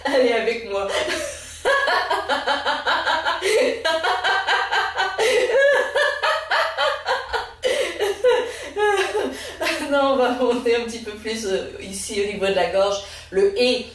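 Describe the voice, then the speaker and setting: A woman's voice: mid-range voice, steady tone, a little fast, few pauses. A woman leading a laughter yoga session, guiding a group through vocal sounds and counting with encouragement. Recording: very echoey room, voice from a distance.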